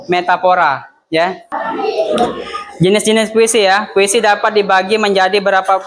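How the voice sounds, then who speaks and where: Man teaching a class, steady and explanatory. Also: high-pitched. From Indonesia. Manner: explains step by step, with frequent "ya" check-ins. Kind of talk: classroom lesson.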